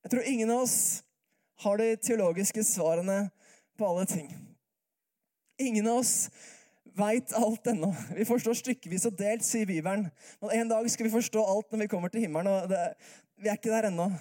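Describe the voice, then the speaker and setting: A man preaching a sermon in a calm, conversational way, often putting rhetorical questions to the congregation. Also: sits high.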